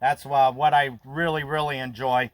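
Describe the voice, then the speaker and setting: Out on a mountain trail, a fifty-something American ham radio operator makes easygoing, folksy small talk in a friendly, chatty way. He speaks in a mid-range voice at normal speed with a flat delivery, and the sound is a bit bright with no echo.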